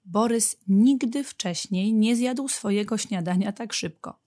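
Female narrator for children's audio story; clear, gentle read-aloud delivery. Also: mid-range voice, unhurried.

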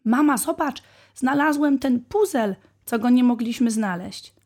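A woman voicing a small, stubborn bunny boy in a storybook, sulky and then shouting in protest. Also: lowish voice, slow pace. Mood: excited.

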